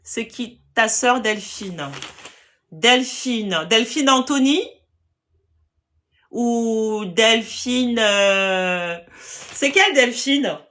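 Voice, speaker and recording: A woman's voice: on the high side, expressive, very slow, pauses often, fairly bright tone. A woman with a Parisian French accent, hosting a live stream to sell land and answering viewer comments in a direct, firm way. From France.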